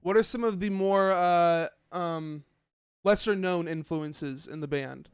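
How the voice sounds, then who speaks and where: Smooth-voiced laid-back podcast host man. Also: sits high, slow. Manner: laid-back, with many fillers. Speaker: podcast host interviewing a band. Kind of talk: casual interview chat.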